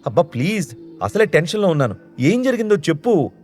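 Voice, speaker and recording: A man's voice: medium pitch, a little fast, faint music behind, natural voice. A man doing a nervous young company boss. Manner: stammering when nervous. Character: young male company owner, anxious under pressure.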